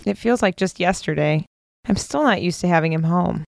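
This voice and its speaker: An actress voices a gentle, shy, sweet young American sister in a naturalistic modern audio drama, sounding earnest, casual and quietly pleased. Her voice is lowish with vocal fry at a normal speed, recorded clean in a studio with no echo.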